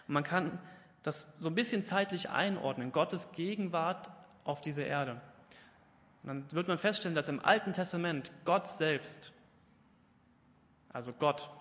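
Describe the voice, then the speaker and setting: Prediger mit hallender Kirchenstimme. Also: male voice, on the high side, fairly bright tone, big-room sound. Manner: conversational, asks questions and answers them himself; acts out the biblical dialogue with raised, emphatic voice. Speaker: preacher. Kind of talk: Pentecost sermon. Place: church.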